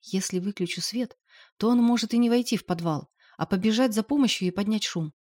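A woman narrating an audiobook in a lively, expressive storytelling manner. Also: mid-range voice, brisk.

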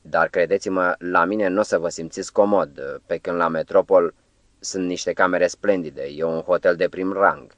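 A man voicing a cautious middle-aged man who speaks in a hushed, soothing, falsely gentle way in an audiobook. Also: sits low, fairly even intonation, no room sound, close to an everyday voice. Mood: placating.

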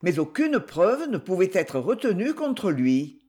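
An audiobook reader giving steady, measured narration of a literary novel. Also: mid-range voice. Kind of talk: scripted narration.

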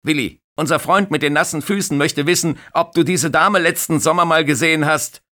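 Max, frecher junger Bademeister. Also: male voice, a little high, brisk, voice pushed up. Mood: shouting. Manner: loud, mocking, shouting over noise. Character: young male lifeguard, cocky and teasing.

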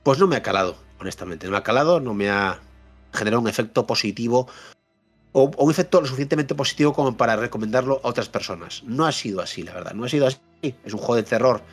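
A man hosting a podcast, giving a casual spoken review of a game and repeating points for emphasis. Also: medium pitch. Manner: repeats himself for emphasis, frequent fillers and tag questions.

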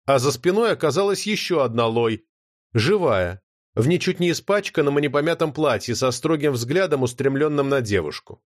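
A male audiobook narrator reading fantasy prose with expressive drama. His pitch sits mid-range but moves in lively, animated swings. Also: moderate pace, dry recording, studio quality.

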